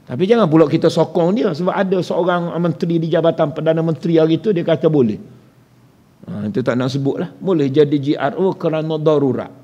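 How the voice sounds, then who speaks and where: A man's voice: fairly high pitch, a little mellow. A man with a Malaysian Malay accent giving an evening religious lecture in a prayer hall, talking conversationally, quizzing his listeners and referring to himself as Ustaz. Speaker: religious teacher.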